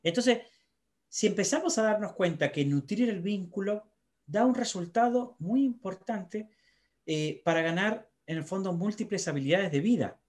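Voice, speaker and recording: A man speaks as a psychologist in lively conversation, voicing parents and children as he explains. His voice sits a little high for a man, and he keeps checking in with rhetorical tag questions. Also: normal speed. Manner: animated, with many tag questions.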